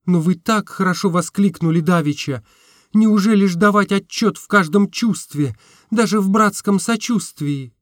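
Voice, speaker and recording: A man voicing a frank, earnest young woman who gently teases, in an audiobook reading. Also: sits high, no echo, clean studio sound, voice pushed up. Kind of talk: audiobook character voice.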